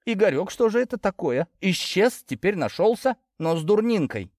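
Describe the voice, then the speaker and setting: A man voicing a worried middle-aged mother who talks in a high, anxious, pleading way. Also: sing-song, normal speed, a little mellow, dry recording, studio quality.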